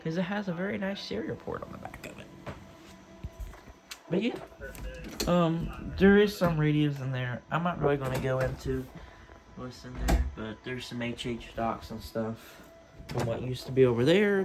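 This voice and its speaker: An American radio collector shows off his collection at home in casual, unscripted show-and-tell. He rambles and hesitates, often correcting himself. His medium-pitched voice moves at normal speed, with music playing in the background.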